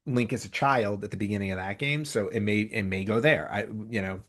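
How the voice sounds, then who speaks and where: A man with a lowish, slightly bright voice talks briskly as a podcast host, chatting casually about entertainment news. He rambles and often restates himself in the middle of a sentence.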